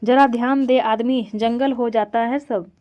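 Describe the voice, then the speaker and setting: A woman reading as a tired, sharp older daughter. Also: fairly high pitch, fairly even intonation, unhurried, highs cut off, close to an everyday voice. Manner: read aloud plainly from a script.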